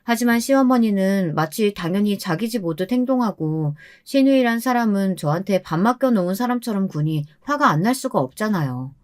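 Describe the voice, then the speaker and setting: A woman narrating a first-person story in a scripted, expressive way, sounding indignant. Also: mid-range voice.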